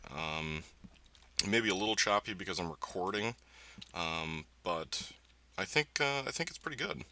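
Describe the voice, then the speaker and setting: A man's voice: sits low, lively intonation, measured pace, a little hiss or hum. A man with a voice affected by being sick gives casual let's play commentary as a gaming host, hesitant and thinking aloud. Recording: loud music behind voice. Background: game music and vehicle engine sounds.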